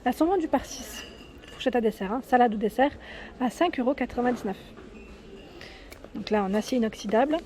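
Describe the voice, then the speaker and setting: High-voiced chatty woman vlogging in a store. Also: lively intonation, brisk, pauses often, mellow, a little hiss or hum. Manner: chatty, adds "hein" often, addresses viewers directly. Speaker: vlogger showing store products. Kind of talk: casual shopping vlog with price commentary. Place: inside a large furniture store, filming while walking.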